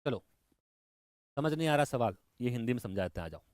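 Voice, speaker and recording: Enthusiastic male reasoning teacher, crisp voice. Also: mid-range voice, animated, brisk, a little mellow, no echo, clean studio sound. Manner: enthusiastic, talks to students directly, mixes in English terms. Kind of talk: online exam-prep lecture.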